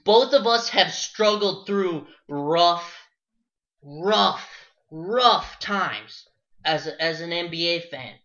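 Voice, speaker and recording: Man, podcast co-host, casual sports chat, bright tone, muffled recording. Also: sits high, takes it slowly. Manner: animated, rising to an exasperated rant. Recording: dull lo-fi podcast audio.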